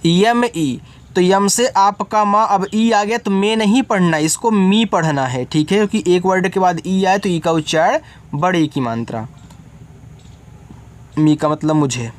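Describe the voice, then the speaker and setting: Guy with a high voice teaching english spelling, says the letters out slow then explains, keeps asking if you got it. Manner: keeps checking in with the learner. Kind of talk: spelling lesson for beginners.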